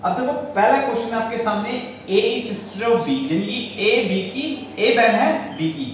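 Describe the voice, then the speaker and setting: A man's voice: high-pitched, lively intonation, unhurried, a little hiss or hum. A male teacher with Indian-accented English terms, explaining an exam-prep lesson step by step and checking in with his students. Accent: Indian English words mixed into Hindi. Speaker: reasoning teacher. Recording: very echoey room, mic at a distance.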